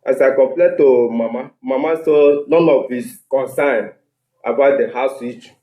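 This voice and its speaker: A man's voice: medium pitch, moderate pace, dark tone, a little hiss or hum. A man with a Nigerian accent speaks Nigerian Pidgin mixed with English, giving a step-by-step complaint as a tenant into a handheld microphone. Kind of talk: step-by-step account of a grievance. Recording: echoey room, handheld microphone.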